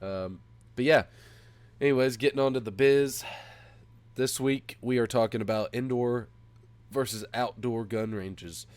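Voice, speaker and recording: A man's voice: medium pitch, unhurried, darkish tone, no room sound. A man hosting a casual podcast, sounding sick, nasal and stuffed up, speaking into a headset. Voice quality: nasal, congested. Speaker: podcast host.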